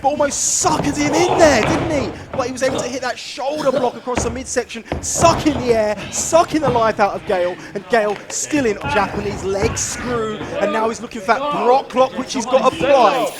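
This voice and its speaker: A man giving excited, emphatic play-by-play as a wrestling commentator, with dramatic repetition. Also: very high voice, moderate pace, few pauses, loud music behind the voice. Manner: emphatic, dramatic, repeats phrases for effect. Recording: loud crowd noise behind. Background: loud wrestling crowd.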